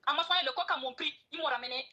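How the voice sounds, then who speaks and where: A woman's voice: high voice, quick pace, sharp tone, highs cut off. A woman talking heatedly on a live stream from home, insisting on her side, repeating herself and swearing oaths. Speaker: guest speaker on a live stream. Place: at home, neighbours nearby.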